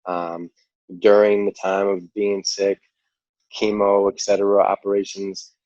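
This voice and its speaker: A man with a New York accent tells his story in a loose, rambling way, leaning on "like" and "you know." His voice sits very low. The recording is dry and a little muffled. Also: measured pace, no echo. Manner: relaxed, rambling, heavy use of "like" and "you know". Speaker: podcast guest. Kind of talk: casual interview storytelling. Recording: dull lo-fi audio.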